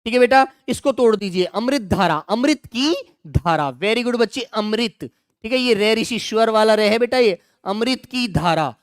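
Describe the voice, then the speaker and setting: A middle-aged man teaches an online exam-prep grammar class in a smooth, resonant voice. He drills each example, repeats the words and keeps urging students to answer quickly. The sound is close and dry. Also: high voice, no room sound.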